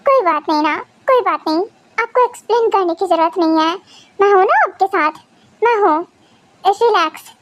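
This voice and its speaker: A woman's voice: extremely high pitch, lively intonation, moderate pace, a bit bright, dry recording. A woman voicing a playful, caring young wife in a fan audio drama. She speaks sweetly and comfortingly.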